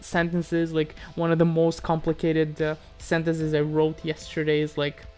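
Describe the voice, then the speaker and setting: Over soft background music, a Moldovan man answers viewers casually during a livestream. His voice is a little high, a little mellow and smooth, delivered in a monotone at a moderate pace. He is hesitant, often repeating himself and trailing off.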